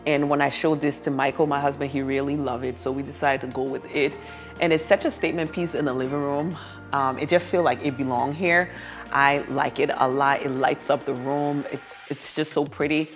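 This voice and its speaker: A woman vlogger with a low-pitched voice talks casually to her viewers. She gushes admiringly in the manner of a home makeover reveal, with music playing behind her. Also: fairly even intonation, fairly quick. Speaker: vlogger giving a home tour. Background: background music.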